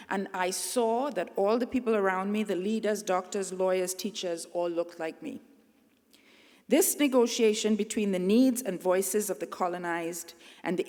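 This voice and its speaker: Gravelly middle-aged woman in a hall. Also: mid-range voice, darkish tone. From Trinidad and Tobago. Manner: earnest, measured, speaking to a crowd. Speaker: convocation speaker. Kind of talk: commencement address. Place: large convocation hall. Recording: long hall reverb.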